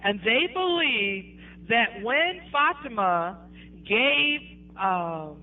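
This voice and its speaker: An American woman telling her conversion story in animated casual talk, often checking in with her listeners. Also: fairly high pitch, extremely slow. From United States. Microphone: online voice-chat room microphone. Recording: tinny voice-chat line with faint hiss.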